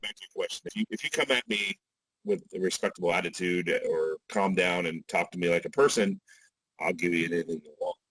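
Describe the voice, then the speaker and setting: A low, husky man in his forties chatting as a podcast guest. He talks loosely, restarting his sentences and adding asides. The sound is dry and close, with no room around it. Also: a little fast, a bit bright, dry recording, rough recording. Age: 40s. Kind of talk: casual podcast conversation.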